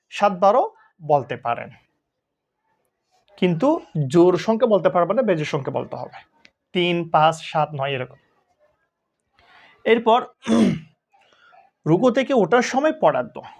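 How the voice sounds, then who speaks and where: A man teaching Quran reading. He spells Arabic syllables out letter by letter and chants whole prayers in a slow, drawn-out recitation. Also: high voice. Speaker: religious teacher.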